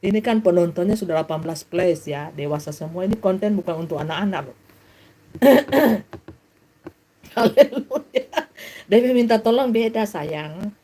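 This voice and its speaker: A woman's voice: mid-range voice, expressive, normal speed, mellow, a little hiss or hum, poor audio. Laughing middle-aged woman preaching live. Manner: lecturing, addresses viewers directly; laughs often, bursts of acted shrieks. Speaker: self-styled prophet preacher. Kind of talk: live-streamed sermon.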